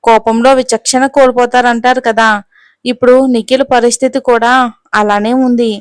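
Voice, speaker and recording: Female storyteller, steady scripted read, fairly high, very even, dry close mic. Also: moderate pace, clear, resonant tone, no echo. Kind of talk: scripted narration.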